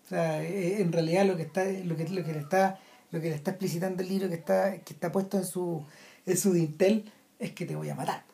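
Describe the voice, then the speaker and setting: A woman's voice: on the low side, steady tone, a little fast, vocal fry, mellow. A woman with a Chilean accent, talking casually about a film, hesitant with many restarts. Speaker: film commentator.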